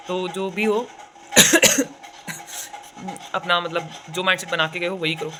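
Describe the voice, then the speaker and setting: A woman's voice: on the low side, fairly even intonation, measured pace, bright, forceful tone. A young woman from India chatting casually in a vlog, telling stories, with a sore throat and a cough now and then. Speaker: vlogger.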